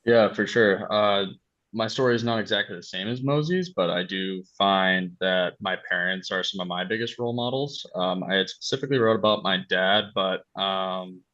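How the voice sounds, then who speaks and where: A man, a webinar panel guest, speaking in a relaxed way with fillers over dull, lo-fi video call audio. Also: sits low, moderate pace. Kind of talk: personal story on a webinar panel.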